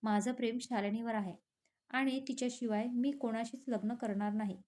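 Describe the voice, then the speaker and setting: Young man, woman reader, blunt, impatient, storybook romance, mellow voice. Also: fairly high pitch, fairly even intonation, moderate pace, natural voice.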